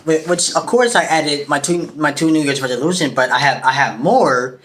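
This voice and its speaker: A man's voice: a little high, moderate pace, a bit bright. Stammering teenage boy podcast host. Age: teens. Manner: rambling, stammering repeats. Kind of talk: casual chat.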